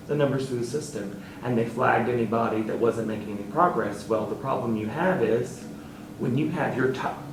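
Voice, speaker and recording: A man who sits on a school board, answering interview questions earnestly and haltingly, with fillers, and turning emphatic. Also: medium pitch, reverberant, recorded from a distance, noisy background.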